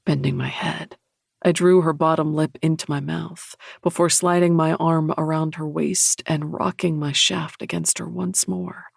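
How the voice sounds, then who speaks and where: A man narrating a romance audiobook in the first person, measured and intimate. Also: a little high, little pitch movement, creaky, no room sound, clean studio sound.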